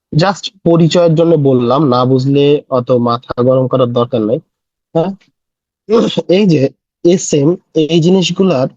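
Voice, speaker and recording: A man teaching a casual Arabic lesson, patiently explaining and repeating words slowly. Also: on the high side, a little mellow, no room sound, lo-fi sound. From Bangladesh. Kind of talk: casual spoken language lesson.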